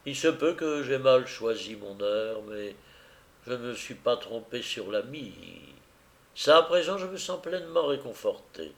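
A man's voice: medium pitch, expressive, unhurried, a bit bright. A man reading aloud as a troubled, rambling middle-aged widower. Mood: wistful.

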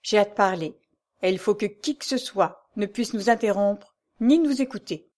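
A woman reading aloud, voicing a melancholy, jealous nobleman in her own middle-pitched voice, slow and sad. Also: darkish tone, natural voice. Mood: grave.

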